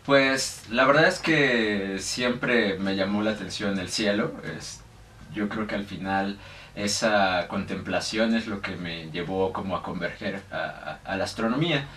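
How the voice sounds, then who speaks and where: A young Mexican man with a Mexican accent speaks as a guest in a casual interview, his lowish voice measured and fairly bright. He hesitates often, with many fillers and restarts. The recording has an echoey room, a distant mic and faint noise.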